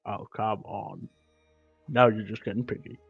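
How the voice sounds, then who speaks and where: A man's voice: lowish voice, steady tone, unhurried, creaky, faint music behind. A man voicing a brash, battle-worn male adventurer who swears and grumbles in a tabletop role-play, on dull lo-fi audio.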